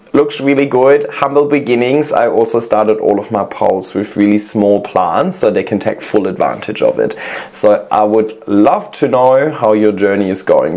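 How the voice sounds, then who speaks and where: A man hosting a casual reaction video, chatting warmly and reading viewers' messages aloud as he gushes over their plants. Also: fairly low pitch.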